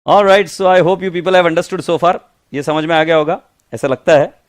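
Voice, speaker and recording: A man with an Indian accent teaching an accounts class online, reading English text slowly and explaining in fast Hindi with teasing asides to students. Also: on the high side.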